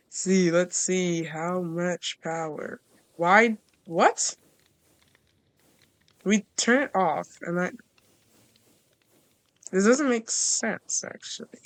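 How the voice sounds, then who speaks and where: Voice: medium pitch, fairly bright tone. A creator giving casual, rambling commentary over gameplay, chatty and playful with viewers and often restarting sentences.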